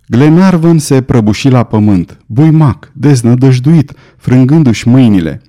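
A male narrator reads a classic adventure story in a steady, measured delivery. His voice is mellow and dark, at a middle pitch for a man. The reading stays even and unhurried. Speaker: audiobook narrator. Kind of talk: scripted narration.

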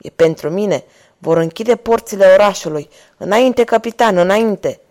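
A woman's voice: mid-range voice, dark tone, close to an everyday voice. A woman reading as a bold young horseman. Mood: urgent. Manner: defiant, exclaiming. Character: bold daring young male horseman on the run. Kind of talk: audiobook character reading.

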